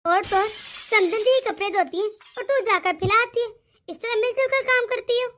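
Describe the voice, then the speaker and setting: Brief: woman doing a fussing cartoon mother-in-law, older, soft and coaxing, very high pitch. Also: moderate pace, slight background noise. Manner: soft-spoken, worried, coaxing. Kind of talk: animated cartoon voice acting.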